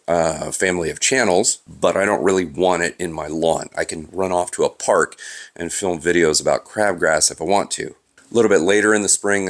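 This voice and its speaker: A man with a cold and a stuffy voice, casually explaining his lawn care work in a vlog, with frequent "uh" fillers. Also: low-pitched. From Southern California.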